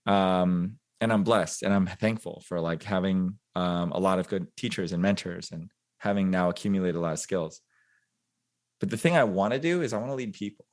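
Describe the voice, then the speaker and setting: A man in his forties, a podcast guest, talking in a relaxed, reflective way with many fillers and self-mocking laughs. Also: deep voice, moderate pace. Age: 40s. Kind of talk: casual interview conversation.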